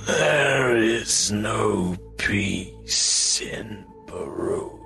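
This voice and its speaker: A man voicing a cold, menacing skeleton warrior in a tabletop game, with a rasping voice and slow, hissing, whispery delivery. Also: on the low side, animated, pushed and bright, faint music behind, full character voice. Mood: cold, forbidding.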